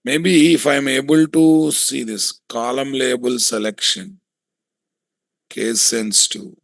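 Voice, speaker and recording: A man with a Telugu Indian accent giving a hands-on software tutorial, thinking aloud, repeating himself and often putting questions to his students. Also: medium pitch, fairly even intonation, slow pace, vocal fry, no room sound. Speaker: software testing instructor.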